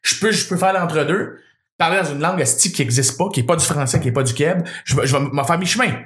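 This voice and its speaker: A man's voice: a little high, fast talker. A man with a Québécois accent, a comedian telling a story on a podcast with lots of swearing. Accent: Québécois French. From Quebec. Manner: animated, profane storyteller. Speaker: comedian guest.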